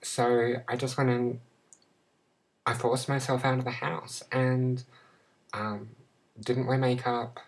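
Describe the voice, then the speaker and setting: A young Australian woman speaks to her camera in a casual personal vlog, halting and searching for words with many restarts. Her voice rumbles low with a level tone.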